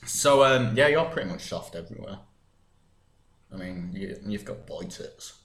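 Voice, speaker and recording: A man's voice: on the low side, expressive, normal speed, fairly bright tone. A young man co-hosting a podcast, teasing and blunt, swearing freely in casual chat. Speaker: podcast co-host. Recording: echoey room.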